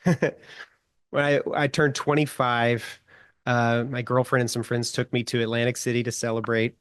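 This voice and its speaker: A middle-aged man spins a casual anecdote as a podcast guest, animated and quick to chuckle, with plenty of fillers. His pitch sits in the middle range. The sound is dry and close to the mic. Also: clean tone, no room sound. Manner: animated storyteller, chuckles often, many fillers. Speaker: guest writer.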